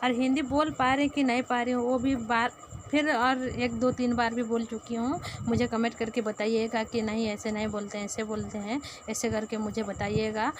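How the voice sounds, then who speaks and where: A woman with a Sambalpuri Odia accent, a native Odia speaker narrating a casual vlog in halting Hindi, searching for words. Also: a little high, level tone, background noise. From Sambalpur, Odisha. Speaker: vlogger.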